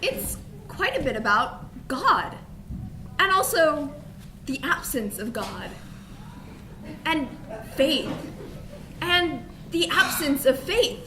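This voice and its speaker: Playing a pompous, earnest theatregoer who gushes contradictory praise, a woman student actor in a school comedy uses a high, exaggerated, very animated voice. She speaks slowly with frequent pauses, and the echoey stage recording carries faint noise.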